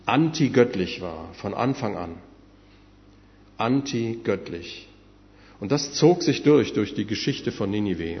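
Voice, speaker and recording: A man preaching a sermon in an earnest way, speaking directly to his listeners. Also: medium pitch. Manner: earnest, addresses listeners directly, some fillers. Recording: dull sound with long hall reverb.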